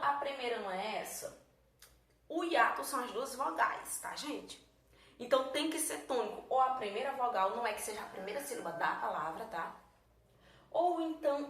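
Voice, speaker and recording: A woman teaching a lesson in a patient, explanatory way, with a slightly high voice. She is recorded in a roomy, echoing space from some distance, with faint background noise. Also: a bit bright. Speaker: Portuguese teacher.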